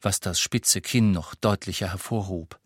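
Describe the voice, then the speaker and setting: A man's voice: low-pitched, measured pace, husky, no echo. Male audiobook narrator, dry close sound.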